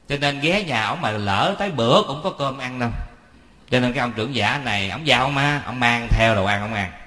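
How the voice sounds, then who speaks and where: Preacher in an echoing hall. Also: male voice, on the high side. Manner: lively, asks the audience questions. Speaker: Buddhist preacher. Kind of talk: storytelling sermon. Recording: echoey hall with long reverb.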